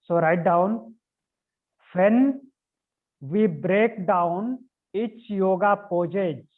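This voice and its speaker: A man's voice: high-pitched, drawn-out words. A man teaching a yoga anatomy class over a video conference call. He dictates notes, repeats phrases and spells out key words letter by letter. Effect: heard over a video conference call. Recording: narrow phone-like call audio.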